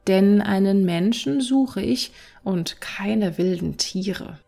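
A woman voicing a crafty wandering male fiddler in a storybook, calm and commanding with a gravelly edge. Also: medium pitch, slow pace, soft background music.

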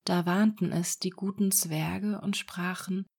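A woman reading a fairy tale aloud in a soft, unhurried ASMR whisper. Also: fairly low pitch, steady tone, creaky, slightly rough. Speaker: storyteller.

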